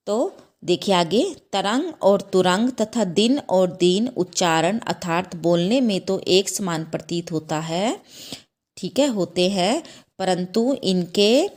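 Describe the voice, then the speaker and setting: A woman teaching a class of young children, explaining slowly and patiently, often checking understanding with a rising "okay?". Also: darkish tone. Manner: repeats "ठीक है?" with a rising pitch, asks children questions; slow, patient, self-correcting. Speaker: school teacher. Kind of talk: slow explanatory class lesson.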